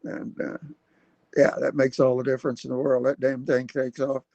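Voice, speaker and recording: Older man in his 70s, halting, full of fillers, dry close sound, dull webcam audio. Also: mid-range voice, completely flat delivery, creaky, mellow, dry recording. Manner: rambling, halting with many fillers. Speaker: livestream host. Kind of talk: casual livestream talk. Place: home, at his computer. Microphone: computer webcam mic.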